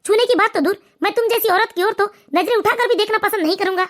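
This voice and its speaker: A woman's voice: very high voice, fast talker. A woman voicing a smug, sleazy cartoon son-in-law. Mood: self-righteous. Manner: smug, mocking. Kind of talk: cartoon voice acting.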